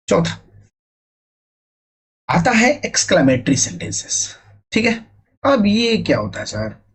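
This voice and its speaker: A man teaching an English grammar lesson in a conversational way, often checking in with his students and acting out example phrases. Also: on the high side. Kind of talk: classroom-style grammar lesson.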